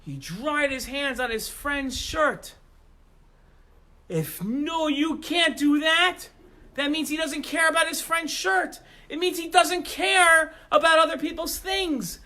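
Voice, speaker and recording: A man voicing a wise old rabbi in a children's story, speaking with lively emphasis. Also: extremely high pitch, takes it slowly, pitched above the performer's own voice, exaggerated voice. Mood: accusing. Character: wise old male rabbi, calm and sharp-eyed.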